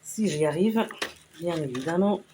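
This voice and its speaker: A woman casually talking through a shopping haul, unhurried and hesitant with lots of fillers. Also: lowish voice, expressive, dark tone, slight background noise. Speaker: vlogger showing a store haul. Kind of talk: casual haul video chat.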